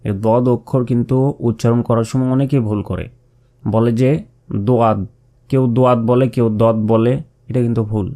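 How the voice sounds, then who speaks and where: A man's voice: mid-range voice, level tone, brisk, dark tone. A man teaching how to pronounce Arabic letters, drawing each sound out and repeating it with patient explanations. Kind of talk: slow step-by-step pronunciation lesson.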